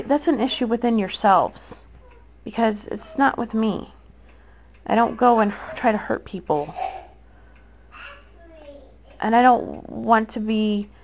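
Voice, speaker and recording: On a rough recording, a woman in her thirties with a voice on the high side addresses the camera. The monologue is aimed at her accusers, and as a mother she sounds aggrieved and insistent, with lots of repetition, restarts, and fillers.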